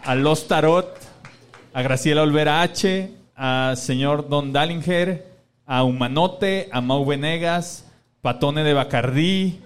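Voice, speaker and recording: A man with a Mexican Spanish accent co-hosts a relaxed podcast sign-off. His voice sits a little high for a man. He reads fan names in a slow, drawn-out list. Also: smooth. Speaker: podcast co-host.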